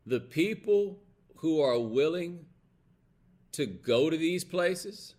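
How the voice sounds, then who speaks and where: An American live commentary host speaks slowly in a fairly high, darkish voice with lively intonation. On his casual, opinionated livestream he talks bluntly and colloquially, with emphasis, and checks in with his listeners.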